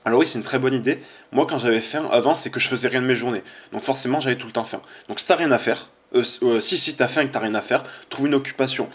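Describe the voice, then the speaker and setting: A man's voice: mid-range voice, quick pace, a bit bright. A man, a fitness coach giving casual, chatty commentary on social media posts, informal and full of fillers.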